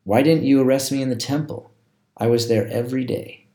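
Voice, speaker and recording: A man reading a calm, solemn man facing arrest. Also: mid-range voice, brisk, pitched above the performer's own voice, lightly acted. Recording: roomy echo.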